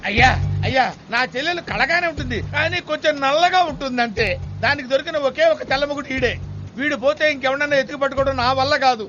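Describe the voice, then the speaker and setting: A man doing whiny, pleading, fast comic patter in film dialogue. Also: extremely high pitch, bright, forceful tone. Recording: dull film soundtrack with music. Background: film music.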